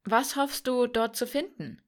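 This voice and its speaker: A woman's voice: a little high, a little slow, voice pushed up, close to an everyday voice. A woman voicing a wary, skeptical young woman who speaks bluntly.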